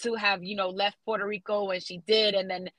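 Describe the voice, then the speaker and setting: Bright-voiced woman chatting animatedly. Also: mid-range voice, brisk, dry recording, poor audio. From South Florida. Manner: animated, many fillers and restarts. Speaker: guest muralist. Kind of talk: casual interview conversation.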